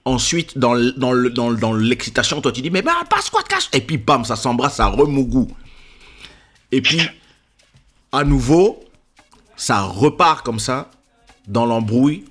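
A man in casual chat, telling a story with animated delivery and acting out quotes in a high voice. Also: a little slow, long pauses, soft background music. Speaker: podcast host.

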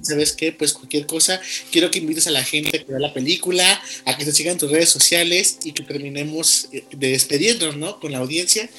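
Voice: medium pitch, a little fast, hardly any pauses, bright, forceful tone. Chatty podcast host with a León accent. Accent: León, Guanajuato. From León, Guanajuato, Mexico. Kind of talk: casual interview chat.

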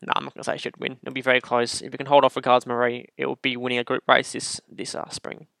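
A man's voice: mid-range voice, monotone, rapid-fire, gravelly, bright, forceful tone, no echo. A young Australian man hosting a casual podcast, rambling and correcting himself as he gives racing tips from a room at home. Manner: rambling, self-correcting, joking. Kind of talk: casual solo podcast chat.

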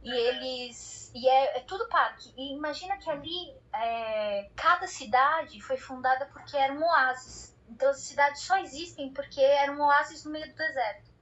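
A woman, a cycle traveler telling a story as an interview guest, animated and often restarting her sentences. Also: high-pitched, moderate pace, few pauses, lo-fi sound. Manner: animated, many restarts, acts out her own past words.

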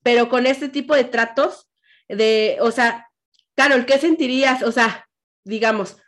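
A middle-aged Mexican woman hosting a casual podcast chat. Her voice sits fairly high, and she talks in an animated way, dropping fillers and acting out little quoted exchanges. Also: unhurried. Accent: Mexican Spanish. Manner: animated, chatty, lots of fillers and quoted asides. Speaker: podcast host.

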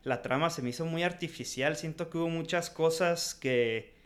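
A man's voice: on the high side, normal speed, a bit bright. Slangy Mexican man reviewing a film. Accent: Mexican Spanish. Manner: slangy, frank, laughs often. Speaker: podcast co-host. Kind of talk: casual film review chat.

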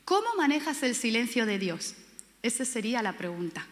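A woman's voice: on the high side, sing-song, normal speed. A woman from Spain preaching a sermon with passion, repeating key words and acting out quoted voices. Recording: long hall reverb.

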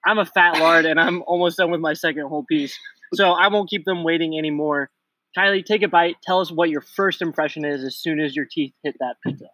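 Bright, jokey male podcast co-host. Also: on the high side, fairly even intonation, fairly quick, no echo, low-quality recording. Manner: joking, self-deprecating, leads the questions. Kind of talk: casual chat. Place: home, at night.

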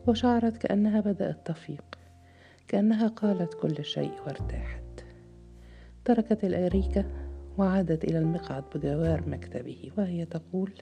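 A woman narrating a written story in a steady, measured reading. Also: fairly low pitch, creaky, dull audio, soft background music.

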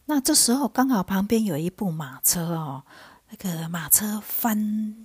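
A woman's voice: medium pitch, animated, a little slow, darkish tone, slightly rough, dry recording. A woman casually retelling the plot of a stage musical, full of fillers, slipping into the characters' lines as she goes. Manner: loose, chatty retelling with many fillers, acting out quoted lines. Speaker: podcast host.

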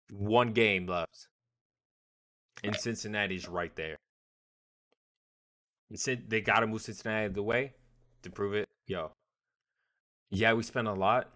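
A man talks football on a casual podcast in a lowish, bright, forward voice. He rambles and trips over his phrases, doubling back often. His delivery stays loose and conversational. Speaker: podcast co-host. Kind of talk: casual sports podcast chat.

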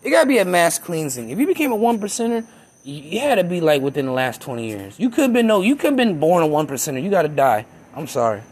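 A man's voice: on the high side, sing-song, fast talker, darkish tone, breathy edge. A young man talking in a heated, profane, rambling rant as a self-described conspiracy theorist. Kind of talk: casual rant.

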